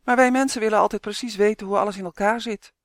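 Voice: mid-range voice, steady tone, fast, no room sound, studio quality, close to an everyday voice. A Dutch audiobook narrator voicing a brave, practical young boy who talks in an earnest, determined way. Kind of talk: audiobook character voice.

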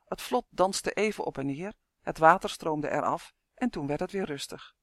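A male narrator reading a children's story in a clear, even manner. His voice sits fairly high for a man, and the recording is close and dry with no room sound. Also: moderate pace, no echo. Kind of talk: audiobook narration.

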